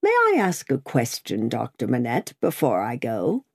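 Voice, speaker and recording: A woman voicing a brisk, opinionated, loyal female servant in a storybook, with an emphatic, bossy but fond manner. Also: a bass voice, huge pitch swings, slightly rough, no echo, studio quality, exaggerated voice.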